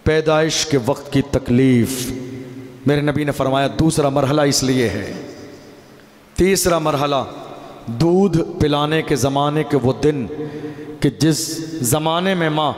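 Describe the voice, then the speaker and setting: A man from India, a mufti, preaching a sermon to a gathering, telling a story with emphatic rhetorical questions. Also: a little high. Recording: echoey hall reverb.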